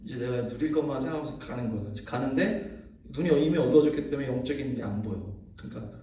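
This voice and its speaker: A man pastor telling a Bible story in a lively sermon, acting out the characters' lines. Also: medium pitch, fast talker. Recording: echoey room, mic far off.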